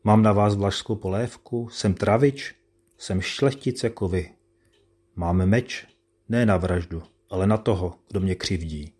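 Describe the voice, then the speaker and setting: A man's voice: lowish voice, a little mellow, slightly rough. A man voicing an insolent, defiant young nobleman son in a read-aloud tale, speaking in a cool, curt, mocking way.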